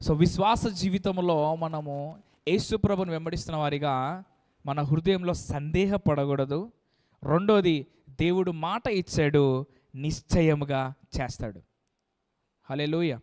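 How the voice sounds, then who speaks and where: Brief: emphatic preacher calling for amens; high, smooth, resonant delivery. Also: male voice. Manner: emphatic, calls for amen and hallelujah. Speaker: pastor. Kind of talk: sermon.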